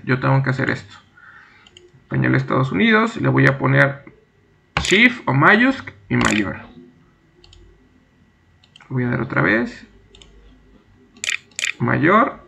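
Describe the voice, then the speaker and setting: Young male instructor, bright gravelly voice, reads out tasks and narrates each click. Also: on the high side. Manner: reads each task aloud, then narrates his clicks step by step. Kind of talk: screen-recorded software tutorial.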